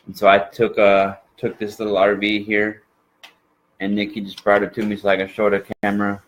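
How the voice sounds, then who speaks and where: A man's voice: on the low side, monotone, brisk, low-quality recording. A man from Minnesota with an exaggerated Minnesota accent, chatting as an interview guest in a folksy, rambling way. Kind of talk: casual interview chat.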